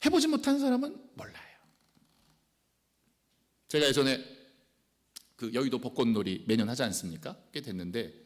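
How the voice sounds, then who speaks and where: Animated male pastor in a reverberant church. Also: medium pitch. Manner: animated, swings from loud exclamations to hushed whispers; asks the congregation questions and mimics quoted people. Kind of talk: sermon. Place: church sanctuary.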